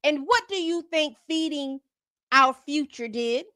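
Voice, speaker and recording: A woman's voice: high-pitched, unhurried, sharp tone, no echo. A woman hosting a commentary channel, reading from a report and breaking off into exasperated asides. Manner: reads documents aloud then comments with exasperated asides.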